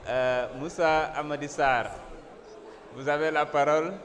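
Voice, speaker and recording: A man's voice: on the high side, steady tone, measured pace, fairly bright tone. A man formally chairs a parliamentary session, calling on speakers. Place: large parliamentary assembly hall. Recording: reverberant hall with crowd noise.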